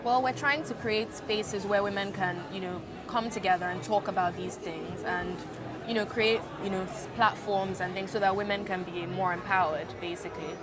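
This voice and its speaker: A woman's voice: medium pitch, fairly even intonation, normal speed, music in the background. A young woman from Nigeria, a student, answering interview questions in a hesitant way, full of fillers and restarts. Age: young adult.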